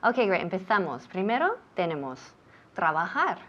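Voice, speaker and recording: A woman's voice: fairly low pitch, big pitch swings, moderate pace. A woman teacher from running a bilingual English lesson, patiently repeating words for pronunciation drills. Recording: dull lo-fi sound.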